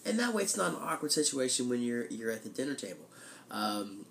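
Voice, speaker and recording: A man vlogs in a casual, conversational way with a stuffed-up nose. His voice is congested from a head cold, as if tissue were plugged up one nostril. There is some noise behind him, and his pitch sits in a middle male range. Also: very animated, a little fast, creaky, a bit bright. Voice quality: stuffy, blocked-nose sound. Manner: conversational, loose, frequent "you know". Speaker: weekly vlogger. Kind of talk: casual chat to camera.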